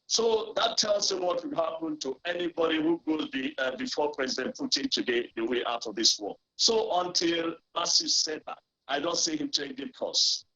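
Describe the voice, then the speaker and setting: A man's voice: a little high, lively intonation, normal speed, sharp tone, highs cut off. A man, a former diplomat, speaking as a guest on a news program over a distorted, fuzzy remote audio line, often hesitant with fillers and restarts.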